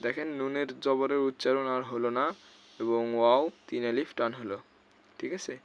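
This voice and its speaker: A man teaching Quran recitation rules step by step, often checking "okay?" and slowly drawing out recited syllables. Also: mid-range voice, level tone, smooth. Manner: explains step by step, often checks with "ঠিক আছে?". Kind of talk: explanatory lesson. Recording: slightly dull lo-fi sound.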